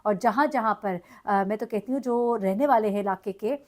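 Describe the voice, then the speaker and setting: A woman's voice: on the high side, moderate pace, darkish tone. A woman, reporting and commenting on a tragic local incident in an earnest, grieving way with many hesitations. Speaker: news vlogger. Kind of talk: emotional news commentary.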